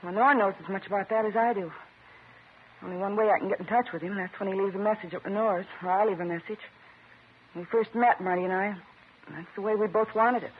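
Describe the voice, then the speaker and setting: An old-time radio drama heroine played by a woman, a married woman anxiously defending her lover. Her medium-pitched voice is earnest, wounded and dramatic. The vintage recording is dull, with faint noise. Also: steady tone, quick pace, lightly acted. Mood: guarded, confessing.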